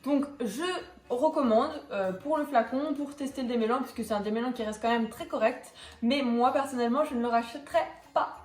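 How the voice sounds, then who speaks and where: High-voiced young woman, chatty vlog. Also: fairly quick, darkish tone, reverberant. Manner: chatty, many fillers and restarts. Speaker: equestrian vlogger. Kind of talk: casual product review vlog.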